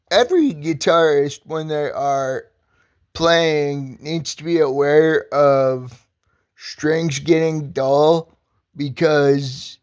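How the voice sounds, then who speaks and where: A man talking casually on his own vlog, halting and rambling with many restarts, earnest and heartfelt. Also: on the high side. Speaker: vlogger. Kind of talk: casual personal vlog talk.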